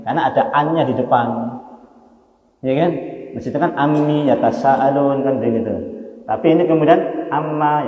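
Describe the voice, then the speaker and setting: A male Islamic teacher gives a Quran lesson, patiently explaining, asking his listeners rhetorical questions and chanting verses slowly. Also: on the high side, darkish tone. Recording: echoey hall, dull lo-fi sound.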